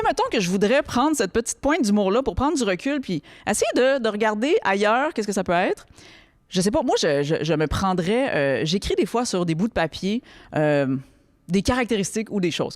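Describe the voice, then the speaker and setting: A woman's voice: medium pitch, no echo, studio quality. Chatty Québécoise woman coaching teens. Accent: Quebec French. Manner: lively, chatty, addresses the listener directly with frequent checks. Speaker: workshop host speaking to teens. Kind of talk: casual instructional talk. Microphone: close microphone, podcast recording.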